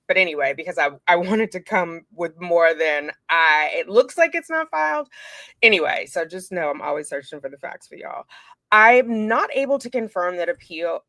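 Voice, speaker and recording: A woman's voice: deep voice, gravelly, sharp tone, no echo. A woman doing casual true crime commentary for her viewers, chatty and informal, breaking off into asides as she walks through documents.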